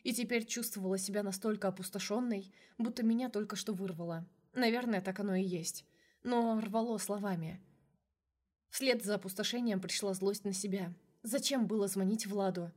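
A woman's voice: medium pitch, normal speed, a little mellow. A woman narrating a first-person novel as an audiobook, reading with strong emotion.

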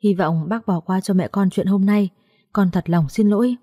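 A woman's voice: medium pitch, moderate pace, warm tone, husky, no room sound, clean studio sound, natural voice. A woman voicing a polite, respectful young man who speaks courteously.

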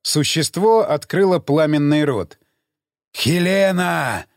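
Expressive male audiobook narrator. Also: on the high side, normal speed, no echo, studio quality.

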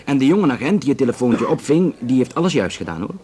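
This Flemish-accented actor portrays a down-to-earth, talkative Belgian detective for a naturalistic radio play, explaining in a conversational, slightly hesitant way. His medium-pitched male voice is dark in tone, very animated and fast, close to an everyday voice, with a matter-of-fact, narrating mood.

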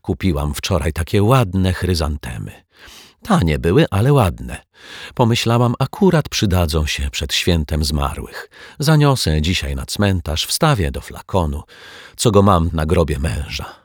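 A man's voice: sing-song, a little slow, slightly rough, dry recording, clean studio sound, full character voice. A man voicing a grumpy, scolding elderly widow neighbor who nags indignantly. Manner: nagging, indignant, shrill.

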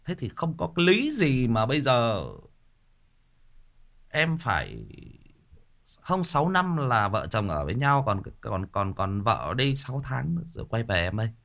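A man's voice: mid-range voice, vocal fry, a bit bright. A man, giving a listener earnest, repetitive advice in a casual livestream talk. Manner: earnest and repetitive, often pausing on a drawn-out "đó".

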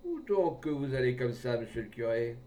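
A man voicing a gruff, half-peasant older man who talks in a loud, rustic, blustering way, recorded from a distance with a faint rumble behind. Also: expressive, normal speed, lightly acted. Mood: bantering.

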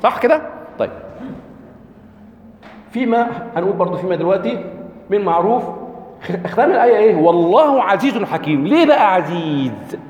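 Lively Egyptian man lecturing in echoey hall. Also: high-pitched, a little fast, pauses often, slight background noise. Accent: Egyptian Arabic. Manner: keeps asking the audience rhetorical questions. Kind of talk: religious lecture on Quranic rhetoric. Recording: echoey hall with long reverb.

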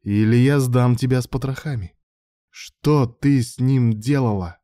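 A man reading aloud and voicing a brooding, demanding young man in an audiobook, forceful and commanding. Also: on the low side, normal speed, dry recording, clean studio sound, close to an everyday voice. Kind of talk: audiobook dialogue.

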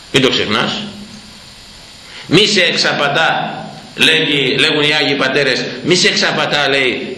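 A man's voice: medium pitch, pushed and bright, echoey room, slight background noise, poor audio. An older man preaching a stern, emphatic sermon as a priest, voice rising sharply to make his points. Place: church.

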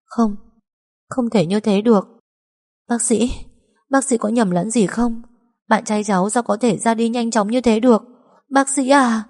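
A woman's voice: medium pitch, brisk, voice pushed up, close to an everyday voice. Narrator lady doing a young girlfriend's voice, pleading and teary, reverby audiobook. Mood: desperate. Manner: pleading, tearful. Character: young woman, distraught girlfriend. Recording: long reverb.

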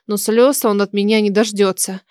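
A woman narrating a first-person fantasy audiobook in an expressive, lively storytelling manner. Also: medium pitch, moderate pace, clean tone, dry recording, clean studio sound.

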